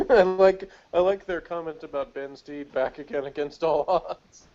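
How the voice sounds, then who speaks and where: Chatting casually on a review panel over a video call, a man with a fairly high, mellow voice speaks at a measured pace. He's amused, digressive and trivia-minded, and the lo-fi call audio sounds dull.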